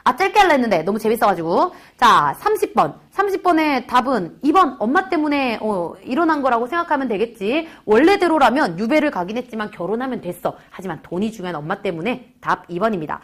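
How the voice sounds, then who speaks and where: A woman tutor walks her students through a classical novel and slips into each character's lines as she retells it. Her voice sits high and swings widely in pitch. She talks to her class in a casual, direct way. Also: sing-song, brisk, few pauses. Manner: retells the story in quoted dialogue, switching voices for each character; addresses students directly as kids. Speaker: Korean literature tutor.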